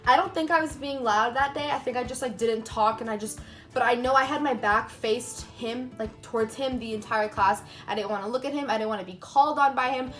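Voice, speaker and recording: A woman's voice: fairly high pitch, fairly quick, fairly bright tone, soft background music. A young woman telling a personal story in a casual storytime vlog, chatting along with lots of filler words. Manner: chatty, filler-heavy retelling with many "like"s. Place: room at home lit by fading daylight.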